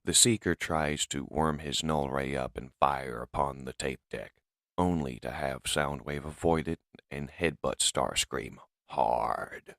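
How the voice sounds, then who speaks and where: Male comic-dub narrator, very low and gravelly, with a dry close sound. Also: a little slow, no echo. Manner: steady, descriptive storytelling.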